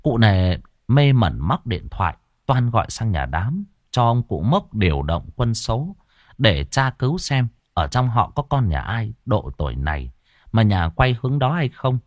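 Male storyteller, low voice, very animated delivery, dry close mic. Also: unhurried, no room sound. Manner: lively, colloquial and playful. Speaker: ghost story narrator. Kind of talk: storytelling narration.

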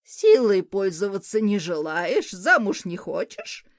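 A woman reading an audiobook, voicing a stern, suspicious old woman who grumbles slowly and disapprovingly. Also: medium pitch, very animated, no room sound, studio quality. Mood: grumbling. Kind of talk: audiobook character voice.

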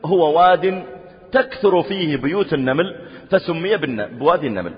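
Male preacher, fairly high voice; intones scripture, then animated storytelling; long reverb. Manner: chants verses slowly, then explains with lively acted-out dialogue. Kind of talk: sermon with Quranic recitation. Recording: dull sound with long hall reverb.

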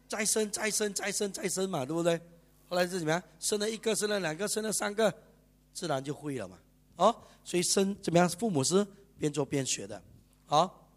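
A male pastor, giving a lively, chatty sermon and keeping the congregation engaged with constant rhetorical questions. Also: sits high. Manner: lively, chatty preaching with bursts of laughter. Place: church service.

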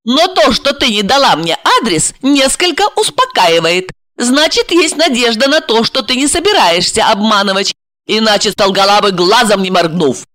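A woman's voice: fairly high pitch, lively intonation, moderate pace, fairly bright tone, pitched above the performer's own voice. A woman reading an audiobook and voicing a stormy, jealous young woman who mocks and interrogates her friend. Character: fiery, jealous young woman, sharp-tongued.

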